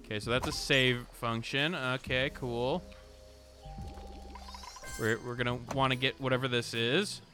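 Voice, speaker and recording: With music behind him, a man of medium pitch speaks at a measured pace and pauses often. As a gaming video host, he gives loose, thinking-aloud let's play commentary, breaking off mid-thought and reading game text aloud.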